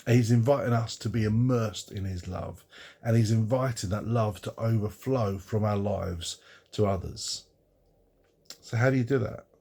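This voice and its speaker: Low husky-voiced man giving a devotional. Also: unhurried, mellow. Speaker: pastor. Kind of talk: devotional Bible reflection.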